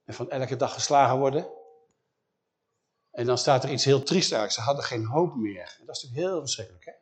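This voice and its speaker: A man's voice: mid-range voice, a little fast. Man retelling a Bible story. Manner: conversational, with questions to the listener and tag words.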